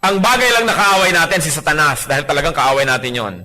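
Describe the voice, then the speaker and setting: Male pastor, sermon, pitched a little high, very expressive delivery, acts out quotes. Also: fast talker. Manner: animated, acts out quoted voices; mixes in English scripture lines.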